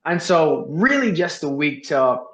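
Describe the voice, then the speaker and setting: A young Bahamian veterinary student appears as a guest in a casual interview, speaking earnestly in a fairly high, sing-song, slightly bright voice at a somewhat slow pace. He uses lots of fillers like "like," and the recording sounds roomy, dull, and lo-fi.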